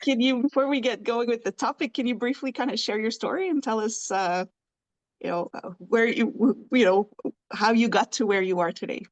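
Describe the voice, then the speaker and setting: A woman's voice: a little high, normal speed, muffled recording. A woman hosting a podcast interview, enthusiastic and chatty, laughing easily as she introduces her guest. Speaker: podcast host.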